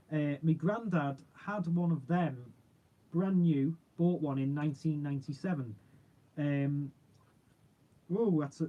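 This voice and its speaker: Casting: male car-channel host, twenties, lightish pitch, soft-edged tone, informal rambling Q&A chat. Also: poor audio. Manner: chatty, informal, matey, rambling. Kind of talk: casual livestream chat, answering viewer questions.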